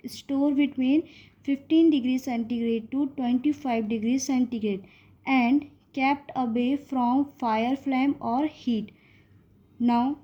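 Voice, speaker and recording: A woman with an Indian accent teaching a pharmacy lecture, reading points slowly in English and explaining them in Hindi. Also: fairly high pitch, warm tone. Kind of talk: classroom lecture. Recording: dull lo-fi audio.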